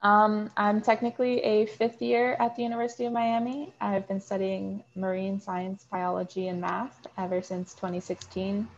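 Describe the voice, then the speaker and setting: A young woman in her twenties speaks as a student guest. She explains things earnestly and pauses often to hesitate. Her middle-pitched voice comes through dull, lo-fi video call audio. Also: little pitch movement, slight background noise. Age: 20s. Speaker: guest, marine biology student. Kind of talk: interview answers.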